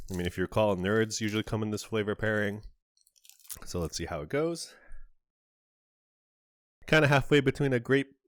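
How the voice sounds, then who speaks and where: A man's voice: on the low side, dry recording. A man hosting a casual on-camera candy review, chatty and describing each flavor in detail with small asides. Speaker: candy reviewer, channel host.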